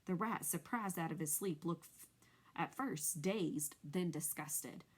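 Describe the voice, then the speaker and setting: A woman's voice: deep voice, a little slow, breathy edge. A woman reading a storybook aloud, narrating expressively and changing her voice for each animal. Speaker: reader.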